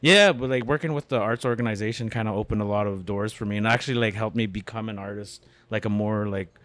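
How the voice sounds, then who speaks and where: A middle-aged man from Canada, originally from Winnipeg, talks fast in a lowish voice with a fairly bright tone and no room sound. He's a comedian and beatmaker chatting casually as an interview guest in a cafe, with plenty of fillers and restarts.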